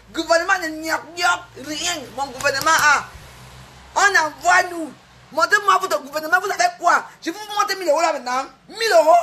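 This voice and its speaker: A woman's voice: high voice, sharp tone, slight background noise. A woman on a livestream, boasting and mocking her rivals in a repetitive, taunting rant. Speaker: social media livestreamer.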